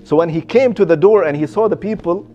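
A man telling a religious story in a casual, halting way, with many restarts and Arabic phrases, on a dull lo-fi recording. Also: high-pitched, mellow, faint music behind.

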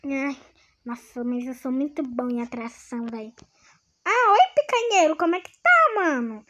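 A young girl playing a game with a friend, excitable, often shrieking and laughing. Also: high-pitched, moderate pace, dry recording, highs cut off. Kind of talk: playful game chatter.

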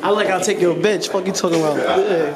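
A man's voice: high-pitched, a little fast. A young man in his twenties vlogging at an outdoor rooftop party, joking and hyped up. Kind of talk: casual vlog narration. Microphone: handheld camera mic. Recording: loud party music and crowd noise. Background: loud hip hop music and a party crowd.

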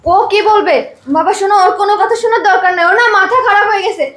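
A woman's voice: extremely high pitch, very fast, a bit bright, echoey room. A woman playing a sulky young married daughter with a Bangladeshi Bengali accent, snappy and defensive.

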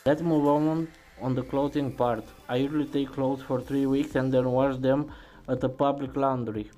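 A man who drives trucks for a living narrates a scripted voice-over, listing item after item in a plain, steady way. His pitch sits in the ordinary middle range for a man. Soft music plays faintly behind him. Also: normal speed, rough recording.

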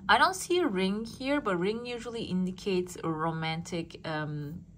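A woman's voice: lowish voice, normal speed, fairly bright tone. A woman speaking as a fortune teller, giving a casual, conversational reading straight to the listener. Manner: fortune teller's direct address to the listener, often checking with "okay?". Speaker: fortune teller, channel host. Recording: clearly noisy background.

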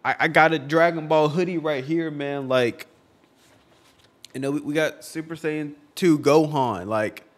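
A man in his twenties recording a video in his own room, close to tears, speaking in halting, repeated phrases with casual slang. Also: fairly high pitch. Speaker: video creator. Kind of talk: emotional tribute vlog.

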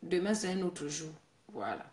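A woman's voice: fairly low pitch, very animated, normal speed, a little mellow, echoey room, slight background noise. A woman hosting a Facebook live video, talking casually and scolding her viewers, repeating her points. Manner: scolding, preachy, repeats herself. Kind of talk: casual live-stream monologue.

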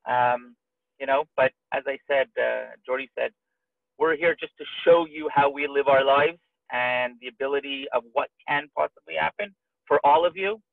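A man's voice: mid-range voice, normal speed, vocal fry, no echo. Upbeat man on a tinny call. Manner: upbeat, persuasive, asks listeners questions. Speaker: webinar co-host. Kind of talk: casual motivational pitch. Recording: dry, tinny call audio.

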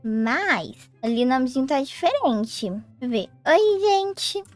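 High-voiced Brazilian woman gaming. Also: lively intonation, a little slow, dry recording, soft background music. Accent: Brazilian Portuguese. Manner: chatty, talks to viewers as "gente", sing-song greetings. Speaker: gaming YouTuber. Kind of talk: casual gameplay commentary.

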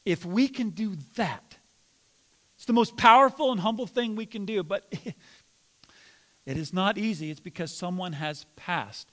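Pastor, male, high voice, conversational sermon to a congregation; long church reverb. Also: a little slow, long pauses. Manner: addresses congregation with questions and mock yelling. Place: church sanctuary.

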